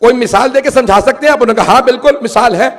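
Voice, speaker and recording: A man with a high, ringing voice preaches with oratorical force. He builds to shouts and then sinks into a hushed, mournful delivery. His words carry a long echo through a reverberant hall. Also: rapid-fire. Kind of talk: impassioned sermon.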